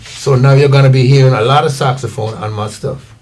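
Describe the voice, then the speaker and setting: Older Jamaican man, guest singer, laid-back and rambling, mid-pitched voice. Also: brisk, a little hiss or hum. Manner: relaxed, rambling storytelling. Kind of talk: casual interview.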